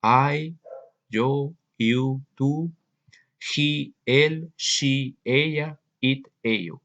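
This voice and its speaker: A man teaching English grammar in a recorded lesson, slowly and patiently explaining and repeating examples. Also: medium pitch, a bit bright, dull audio.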